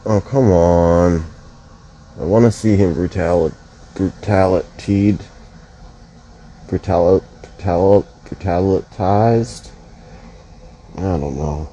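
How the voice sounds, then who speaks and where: A man's voice: deep voice, slow, long pauses, dark tone, a little hiss or hum, rough recording. A man commentating his mobile game casually, groggy from just waking up, swearing and muttering to himself. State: just woke up, yawning.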